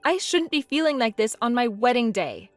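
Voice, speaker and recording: A woman's voice: fairly high pitch, very animated, normal speed, no echo, soft background music. A woman voicing a hurt, indignant young bride in a text-message story, speaking in an upset, pleading way.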